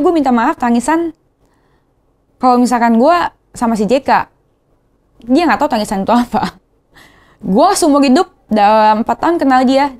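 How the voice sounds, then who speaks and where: A young woman speaks with a Jakarta slang accent in a casual confessional vlog. Her voice sits a little high, and she talks in an emotional, rambling way, circling back and repeating her words. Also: a little mellow. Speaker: vlogger.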